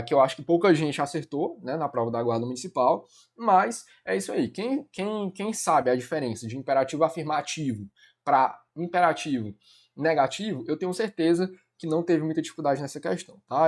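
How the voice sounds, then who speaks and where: A man with a Brazilian Portuguese accent teaching a Portuguese grammar lesson for an exam, chatty and informal, peppering his explanations with "né" and addressing students as "galera". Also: a little high. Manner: casual, addresses students as "cara" and "galera", many fillers like "né".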